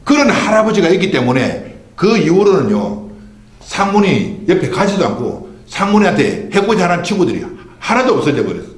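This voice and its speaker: Pastor, male, fairly high voice, lively swinging delivery, rhetorical questions, reverberant sanctuary. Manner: preaching with rhetorical questions and call-and-response. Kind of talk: Sunday sermon. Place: church sanctuary. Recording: echoey church hall.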